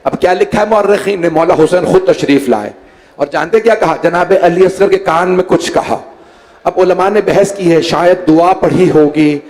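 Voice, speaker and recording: A man preaching a Muharram mourning sermon in an imambargah, with an impassioned, drawn-out chanting delivery. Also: sits high, darkish tone, long reverb tail. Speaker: majlis preacher. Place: imambargah hall.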